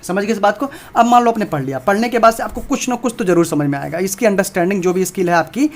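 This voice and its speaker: In a fast-paced, informal video lesson for exam prep, a man talks directly to his viewers, emphatically repeating his points. His voice is high-pitched with lively intonation.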